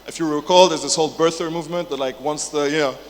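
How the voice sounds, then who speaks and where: A young Englishman in his twenties gives a casual, jokey talk in a large indoor conference hall, his slightly high voice steady and fast, peppered with fillers, restarts and swearing. The hall echoes, with faint background noise.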